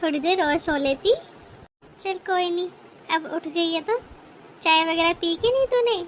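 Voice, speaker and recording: A woman's voice: very high-pitched, a little slow, slight background noise. A woman voicing a doting mother-in-law in a cartoon who fusses over one daughter-in-law and scolds the other. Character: doting mother-in-law, quick to take sides. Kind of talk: cartoon voice acting.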